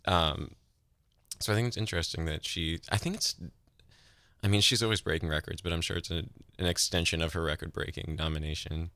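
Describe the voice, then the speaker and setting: A man's voice: deep voice, fairly even intonation, brisk, sharp tone, no echo, clean studio sound. A man co-hosting a casual film chat, talking thoughtfully with trailing restarts. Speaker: co-host. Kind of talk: casual chat about films.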